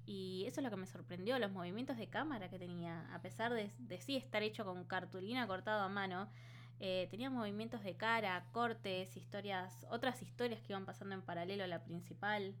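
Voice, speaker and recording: A woman with a Buenos Aires accent chats as a podcast co-host. Her manner is colloquial and conversational, her pitch average for a woman. The recording has clear noise and a hum behind her. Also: a little fast. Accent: Buenos Aires Argentine Spanish. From Buenos Aires, Argentina. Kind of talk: casual podcast chat.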